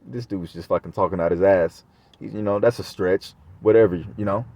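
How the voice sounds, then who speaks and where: Speaking a little fast in a deep voice with a dark tone, a man addresses his viewers directly in a loose vlog monologue. He rambles and swears a lot as he goes.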